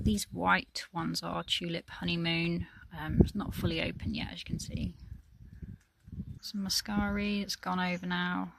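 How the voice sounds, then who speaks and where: A woman chatting casually as she walks around her garden, relaxed and full of ums. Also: fairly low pitch, creaky, background noise. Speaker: gardening vlogger. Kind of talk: casual garden tour narration. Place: outdoors in a garden.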